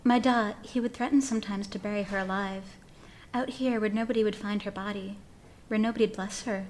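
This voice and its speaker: A woman's voice: mid-range voice, steady tone, brisk, a little mellow, a little hiss or hum, close to an everyday voice. A woman reading aloud, voicing an anxious, earnest young man in a storybook tale, in a pleading, urgent manner. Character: anxious young Irish farm lad, earnest.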